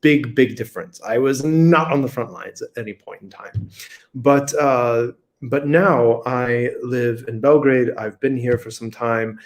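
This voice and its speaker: A man's voice: medium pitch, measured pace. A man from rural Kentucky, a guest on a live video-call interview, thinking aloud with many fillers and restarts. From rural Kentucky, USA. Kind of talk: unscripted conversational interview.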